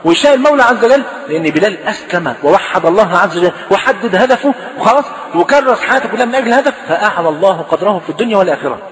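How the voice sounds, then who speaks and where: A male preacher with an Egyptian Arabic accent tells a story in a sermon. He acts out the dialogue in an animated way. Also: high-pitched, very fast, few pauses. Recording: long hall reverb.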